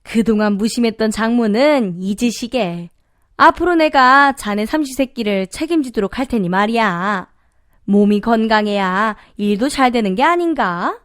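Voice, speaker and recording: A woman's voice: on the high side, expressive, normal speed, a bit bright, no room sound, studio quality. A woman voicing an older mother-in-law who addresses her son-in-law in old-fashioned, commanding speech, in a radio story reading. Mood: kindly. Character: older mother-in-law, bossy then softened.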